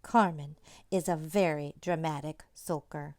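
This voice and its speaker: Reading one of her picture books aloud, a children's author performs expressively in a low voice at a measured pace, with no echo. She's animated and speaks directly to young listeners, adding chatty asides.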